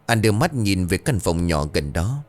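A man narrating a ghost story in a steady, measured storytelling voice. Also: low-pitched.

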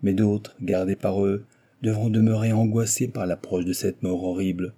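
A man's voice: on the low side, flat delivery, moderate pace, mellow, lightly acted. A man voicing a cruel young Japanese villain who talks in a sneering, menacing way, for an audiobook. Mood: cold menace.

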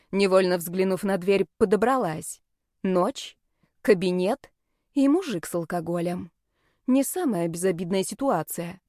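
A woman's voice: mid-range voice, mellow, no echo, clean studio sound. A woman narrating a first-person audiobook in a wry, sardonic tone.

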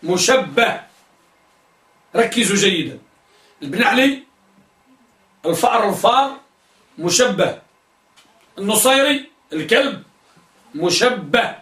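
A man's voice: sits high, animated, slow, long pauses, a bit bright. A male teacher giving a classroom lesson, questioning students and drilling their answers. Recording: echoey room, mic at a distance.

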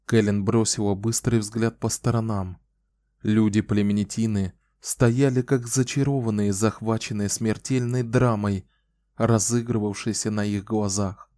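A male audiobook narrator who tells the story at a measured pace in a low, mellow voice. The recording is dry and close, with no echo. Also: fairly even intonation. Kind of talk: scripted narration.

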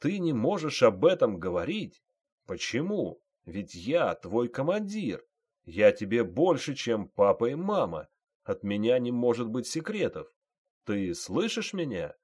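A man voicing a stern male army sergeant who barks orders slowly and loudly, in an audiobook reading. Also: medium pitch, very animated, breathy edge. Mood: coaxing. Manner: barking orders, loud and slow.

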